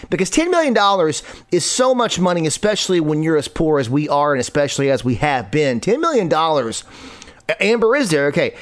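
Animated high-voiced man telling stories. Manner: animated, incredulous, jokey. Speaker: podcast host. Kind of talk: comedic storytelling chat.

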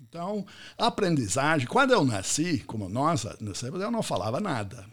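Speaking Portuguese at a live online event, this middle-aged American native English speaker shares anecdotes, repeating words for emphasis. His voice is fairly quick and on the high side, with big swings in pitch.

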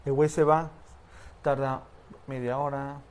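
A man's voice: mid-range voice, little pitch movement, measured pace, clear, resonant tone. A man with a Mexican Spanish accent telling a story in a casual chat, full of slang, laughing often and acting out the voices of the people in it. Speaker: podcast co-host telling a story.

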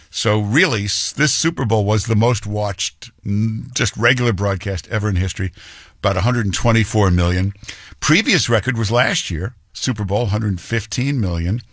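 A radio talk show host speaks in a fairly low voice, opinionated and punchy, dropping fillers as he goes. The studio sound is dry and close. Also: a bit bright, no room sound. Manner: conversational, punchy, with frequent fillers. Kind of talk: opinionated monologue.

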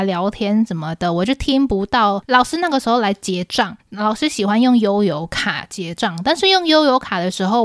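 A woman's voice: medium pitch, no echo, clean studio sound. A young woman with a Taiwanese Mandarin accent, co-hosting a casual chat podcast and telling stories with acted-out dialogue and frequent laughs. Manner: animated storyteller, acts out dialogue, laughs often. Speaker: podcast co-host.

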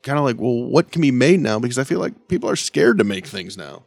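A man's voice: mid-range voice, very animated, fast, creaky, darkish tone, dry recording. A man co-hosting a radio show, opinionated and blunt, swearing now and then. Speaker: co-host. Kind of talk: casual radio banter.

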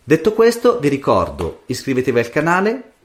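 Expressive man telling a fairy tale. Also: a little high, a little fast. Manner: expressive, playful. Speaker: storyteller. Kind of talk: fairy tale read aloud.

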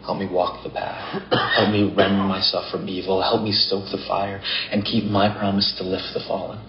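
A calm, earnest young preacher, with a very deep voice. It carries a roomy echo and a slightly muffled TV-sound quality, with faint ambience behind. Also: male voice, normal speed, a little hiss or hum. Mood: prayerful. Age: young adult.

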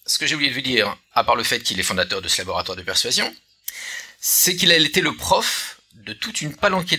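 A man's voice: mid-range voice, sharp tone, breathy edge. A man hosting a casual podcast chat, hesitant, with many filler sounds and restarts. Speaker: podcast host.

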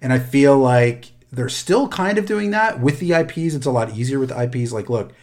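A man co-hosting a casual chat, animated and joking, with many fillers and restarts. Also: mid-range voice, normal speed. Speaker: podcast co-host.

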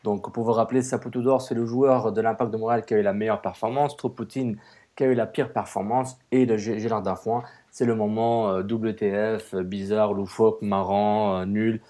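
A man with a Québécois French accent co-hosting a casual sports podcast, lively and jokey, with many hesitations. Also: fairly low pitch, moderate pace. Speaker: podcast co-host.

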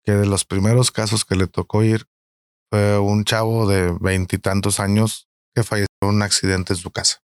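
A man casually retelling a friend's eerie story at a slow pace. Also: on the low side, flat delivery, no room sound, clean studio sound.

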